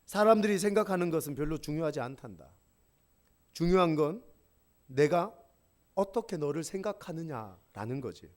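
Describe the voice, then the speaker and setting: A male pastor voicing a gentle, fatherly old woodcarver who calmly reassures the puppet he made. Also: on the high side. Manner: slow, tender reassurance.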